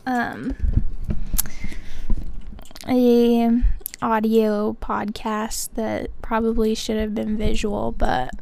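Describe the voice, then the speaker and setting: A woman's voice: a little high, flat delivery, very slow, vocal fry, long pauses, dark tone. A woman in her twenties hosting a casual podcast chat, laughing often and saying "like" a lot. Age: 20s. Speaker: podcast host.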